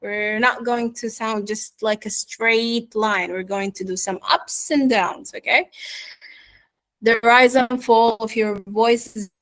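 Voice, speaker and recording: A woman teaching pronunciation in a live online lesson. She keeps checking in with "yeah?" and "okay?" and repeats model words slowly for students to echo. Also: fairly high pitch, steady tone, a bit bright. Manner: checks in with "yeah?" and "okay?" after nearly every phrase. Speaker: accent coach.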